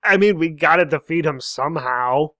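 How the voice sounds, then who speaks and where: A man's voice: on the high side, normal speed, bright, forceful tone, dry recording, studio quality. A young man casually commenting on a game as he plays, musing aloud, reading lines of dialogue and chuckling often. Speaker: let's play host.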